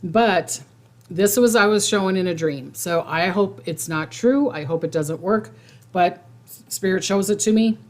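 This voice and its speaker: A woman's voice: mid-range voice, unhurried, a little mellow. A woman host talking casually to her viewers, informal and rambling, repeating phrases for emphasis. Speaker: psychic host giving monthly predictions. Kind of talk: casual livestream talk to viewers.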